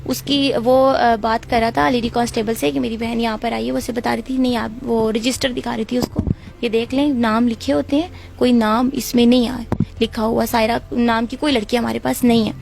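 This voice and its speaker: A young woman with a Pakistani Urdu accent, giving an interview and telling of her ordeal in an earnest, steady way. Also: a little high, vocal fry. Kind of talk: emotional personal account.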